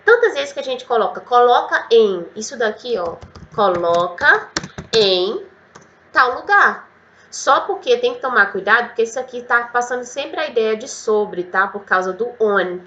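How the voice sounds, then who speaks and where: Bright-voiced Brazilian teacher woman. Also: on the high side, dull audio, slight background noise. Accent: Brazilian Portuguese. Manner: lively, explains slowly and repeats words. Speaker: English teacher. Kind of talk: casual online English lesson.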